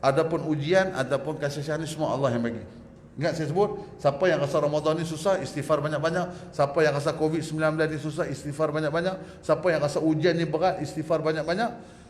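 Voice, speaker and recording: A preacher gives a lively lecture and keeps asking his listeners to agree. His voice sits fairly high and he talks at a brisk clip. The recording carries a long, roomy hall reverb over a faint background hum. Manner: lively and joking, often asks the audience to agree. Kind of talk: religious lecture ending in a prayer. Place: mosque prayer hall.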